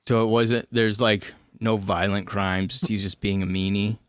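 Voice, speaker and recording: Podcast co-host, man, late 30s, low-pitched, crude rambling banter, dry close sound. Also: flat delivery, unhurried, no echo. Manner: rambling, crude jokey recap. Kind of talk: casual chat.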